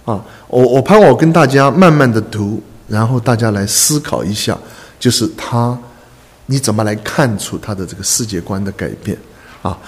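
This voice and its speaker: A man preaching a sermon to a congregation, earnest, repeating phrases and filling pauses with drawn-out "ah" sounds. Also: lowish voice. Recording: echoey hall reverb.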